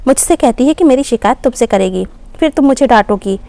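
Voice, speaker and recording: A woman's voice: a little high, expressive, a little fast, mellow, dry recording. A woman voicing an elderly mother who sulks and pleads like a small child. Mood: childish, sulky.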